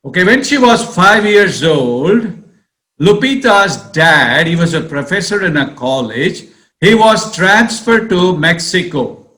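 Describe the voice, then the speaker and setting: A man's voice: high-pitched, lively intonation, slow pace, bright, forceful tone. A man, a priest, giving a sermon-style talk and telling stories, often calling his listeners friends. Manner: storytelling, addresses listeners as friends. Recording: roomy echo.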